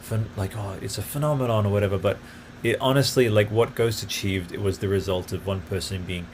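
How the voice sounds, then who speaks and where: A man's voice: fairly low pitch, steady tone, brisk, darkish tone, slight background noise. A man hosting his own podcast, talking casually and enthusiastically, full of fillers and tangents. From grew up partly in Italy. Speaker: podcast host. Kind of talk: casual solo podcast talk.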